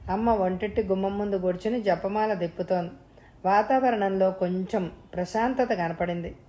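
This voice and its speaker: A woman narrating a family novel in first person, telling the story in a steady reading voice. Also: medium pitch, moderate pace.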